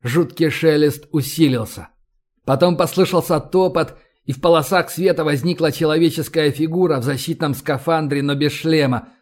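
A man narrating an audiobook in a steady, measured reading voice. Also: on the high side.

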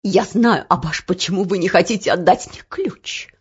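A woman voicing a scheming, ruthless male chief minister who talks in a low, menacing voice that shakes with rage. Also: moderate pace, breathy edge. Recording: dull lo-fi audiobook recording.

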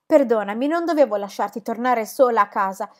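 A woman reading a novel aloud voices a frightened, grieving young woman who cries out in high, loud, anguished calls. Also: expressive, a little fast, natural voice.

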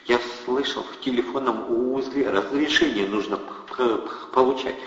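A man's voice: medium pitch, moderate pace, roomy sound, in a large hall, dull audio, pitched above the performer's own voice, close to an everyday voice. A man voicing a timid young man who stammers and hesitates.

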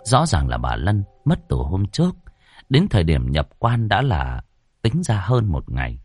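Lively low-voiced male ghost-story narrator. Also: slightly rough, no room sound, faint music behind. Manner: dramatic, slows for suspense.

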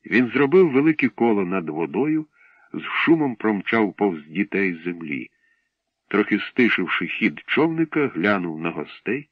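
Low-voiced man reading a storybook. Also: sing-song, no room sound. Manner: measured, unhurried. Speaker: narrator. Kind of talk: audiobook narration. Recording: dull dry recording.

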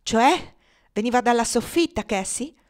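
A woman reading the part of a brutal, superstitious slave-owner man who blusters and curses loudly. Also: medium pitch, lively intonation, brisk, close to an everyday voice. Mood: blustering. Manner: blustering, loud and cursing.

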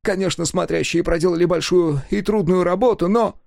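A man voicing a manic, fanatical little male engineer in a shrill, frantic voice. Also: fairly quick, vocal fry, darkish tone, no room sound, studio quality.

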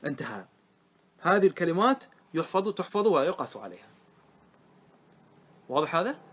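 A man teaching a classroom grammar lesson, explaining step by step and often asking his listeners if it is clear. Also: a little high, big pitch swings, moderate pace. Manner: asks the class questions and answers them himself.

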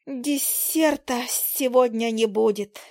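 An excitable, flirty little female fly from an audiobook fairy tale, voiced by a woman. She giggles and fusses in a mellow, dry-sounding voice. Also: a little high, takes it slowly, no room sound. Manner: giggly, fussing.

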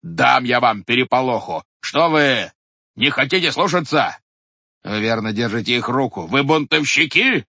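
A man voicing a pompous old village head who shouts orders and bluster. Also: medium pitch, expressive, unhurried, dry recording, muffled recording, voice pushed up. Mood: blustering rage. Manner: blustering, commanding.

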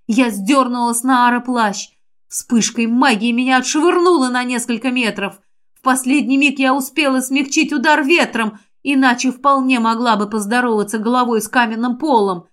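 A woman narrates a first-person fantasy audiobook with a high, clear voice. Her reading is emotional and expressive, and her pitch rises in the tense passages. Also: moderate pace.

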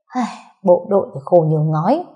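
A woman voicing a sharp-tongued young woman who mocks her friends. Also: lowish voice, animated, moderate pace, highs cut off, close to an everyday voice. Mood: sassy. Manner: mocking, sassy.

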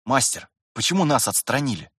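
A man's voice: mid-range voice, big pitch swings, brisk, bright, forceful tone, breathy edge, dry recording, studio quality, pitched above the performer's own voice, heavily acted. A man voicing an eager young male trainee who pleads and protests with pointed questions. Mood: indignant.

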